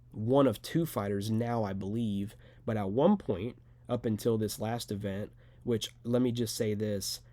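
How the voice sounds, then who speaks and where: A man's voice: on the low side, dark tone, no echo. A young man, an amateur fighter, talking straight to camera in an unedited, rambling monologue full of filler words. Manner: rambling, earnest, filler-heavy.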